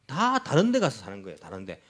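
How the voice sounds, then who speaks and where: Lively middle-aged man preaching a sermon. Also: mid-range voice, fast talker. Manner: animated preaching, acts out mocking voices of opponents. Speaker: pastor. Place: church in Tokyo.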